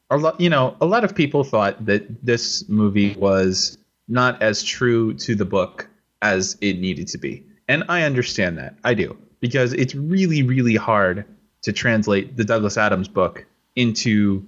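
A man's voice: lowish voice, unhurried, muffled recording. A man co-hosting a podcast in casual chat, rambling with restarts and fillers. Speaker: podcast co-host.

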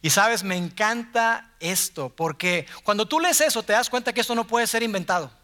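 A man with a Mexican Spanish accent preaching a sermon from a church stage in a conversational way, acting out quotes in softer or louder voices. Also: high-pitched, animated, moderate pace.

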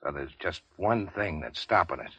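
A man's voice: low voice, animated, normal speed, gravelly, a bit bright, husky, no room sound, heavily acted. An actor playing a wounded big-shot racketeer, wry and world-weary, with clipped slangy tough-guy talk in a vintage radio crime drama. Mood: bitter, weary. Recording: dull vintage radio recording.

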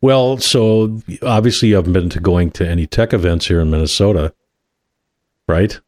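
A man's voice: low voice, normal speed, a little mellow, no room sound, clean studio sound. A man hosting a podcast in casual conversation. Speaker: podcast host. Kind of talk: casual chat.

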